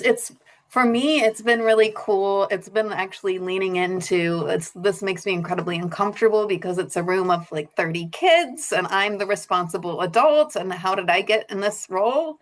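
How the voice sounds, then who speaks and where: Chatty woman, rambling with light laughs. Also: medium pitch. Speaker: substitute teacher. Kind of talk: casual group check-in.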